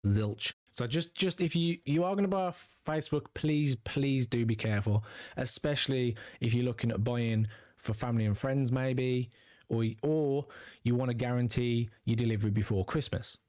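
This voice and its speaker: Talking directly to his audience, the host of a trading card channel keeps things chatty and upbeat in casual video commentary. He speaks at a moderate pace in a medium-pitched, slightly mellow voice, captured in a dry, studio-quality recording.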